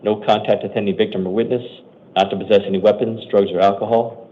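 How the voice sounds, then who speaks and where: A man's voice: lowish voice, steady tone. Matter-of-fact American male judge, phone-like sound. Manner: brisk, matter-of-fact, routine delivery. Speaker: judge or commissioner at initial appearance hearings. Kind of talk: procedural courtroom announcements. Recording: muffled phone-like courtroom audio.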